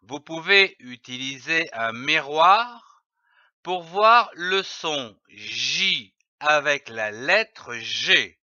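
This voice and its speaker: Slow, bright man spelling syllables. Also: on the high side, no echo, dull audio. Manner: spells letters out and sounds syllables slowly. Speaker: reading teacher. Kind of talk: slow syllable-by-syllable reading lesson.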